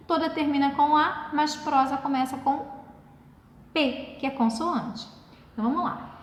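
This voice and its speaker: A woman's voice: high voice, fairly bright tone. A woman teacher giving a recorded lesson, patiently explaining step by step and asking her class questions. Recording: echoey room with long reverb.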